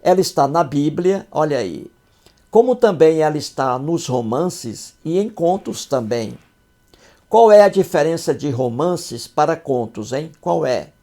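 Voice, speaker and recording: A man with a somewhat high voice teaches a grammar lesson. He repeats his examples and keeps asking his listeners whether they have understood. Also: expressive, measured pace, mellow. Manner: repetitive, checks understanding with rhetorical questions.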